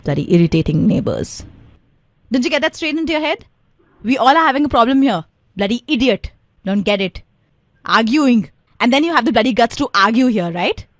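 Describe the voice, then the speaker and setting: A woman ranting furiously, scolding and shouting at someone. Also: on the high side, lively intonation, very slow, no room sound. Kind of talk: angry rant.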